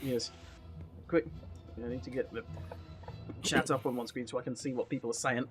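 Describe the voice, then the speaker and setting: A man's voice: mid-range voice, steady tone, normal speed, over music. A man chatting casually as he hosts a live game stream, speaking into a headset mic.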